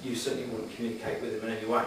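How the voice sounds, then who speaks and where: A middle-aged man giving earnest, slightly hesitant answers in a formal interview before a room, with measured phrasing. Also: on the low side, monotone. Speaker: job applicant answering interview questions. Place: echoey meeting room, addressing the room. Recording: very echoey hall, distant mic, background noise.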